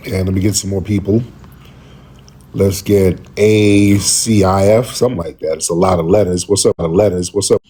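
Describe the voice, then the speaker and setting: A man's voice: on the low side, dark tone, breathy edge. A man hosting a casual livestream call-in, rambling and searching for words while he is under the weather. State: under the weather, lozenge in mouth.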